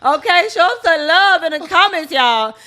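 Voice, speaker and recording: A woman's voice: very high voice, expressive, moderate pace, bright, forceful tone. A woman co-hosting a podcast, talking in a blunt, outspoken, casual way with her co-host. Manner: outspoken, blunt, talks back and forth with co-host.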